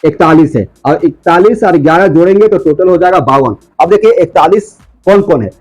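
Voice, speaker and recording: A high-pitched male teacher walks his viewers through a grammar lesson. He keeps asking questions and answering them himself, and he drags out words when dictating. Soft music plays faintly underneath. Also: expressive, fairly quick, poor audio. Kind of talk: classroom lesson.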